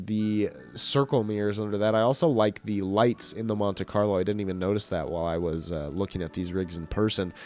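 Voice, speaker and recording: A man with a somewhat low, hoarse voice narrates a video he hosts. He is losing his voice and rambles in a relaxed way, full of "uh" and restarts. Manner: casual, rambling, many fillers and restarts. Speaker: host. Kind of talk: voice-over narration of a car show.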